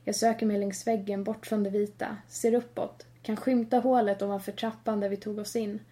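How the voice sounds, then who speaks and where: A woman narrates a first-person horror tale in a mellow, dark-toned voice. Her delivery stays fairly flat in pitch, tense and hushed when the story goes quiet.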